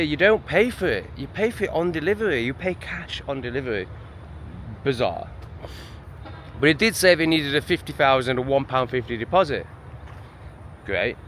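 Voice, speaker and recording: Here the same kind of sweary, fed-up rant comes from a man from England filming a casual vlog in his town home, drifting between gripes. The medium-pitched voice is fairly bright, with a touch of hiss and traffic noise beyond the walls.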